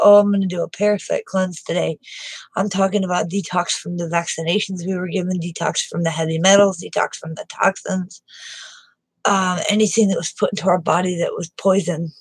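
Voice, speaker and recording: A woman talking casually to camera, out of breath, halting with many fillers and restarts. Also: fairly low pitch, breathy edge, dry recording, rough recording. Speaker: vlogger.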